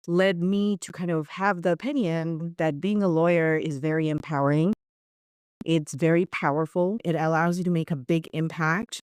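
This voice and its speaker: Her voice low-pitched, smooth and a little mellow, a woman from Bangladesh who works as a corporate lawyer shares her story earnestly in a podcast interview. The studio recording is clean, with no echo at all.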